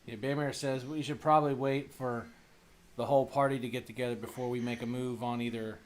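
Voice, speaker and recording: A man playing a tabletop game, telling funny stories in an animated, joking way. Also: mid-range voice, brisk. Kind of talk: casual tabletop game chat. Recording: echoey room.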